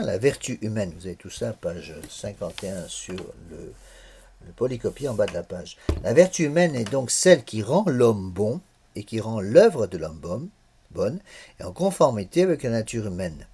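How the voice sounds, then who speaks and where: This sixty-something lecturer's dark, husky voice ranges widely in pitch as he teaches religious morals to a class. Repeatedly he stumbles, saying little words over several times, then pushes forward.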